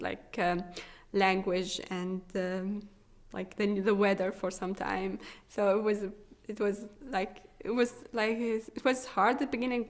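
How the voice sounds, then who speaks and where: Answering an interviewer, a young Syrian research assistant struggles through English with lots of fillers and false starts. Arabic is her first language, her accent is Syrian Arabic, and her mid-range voice has a creaky quality.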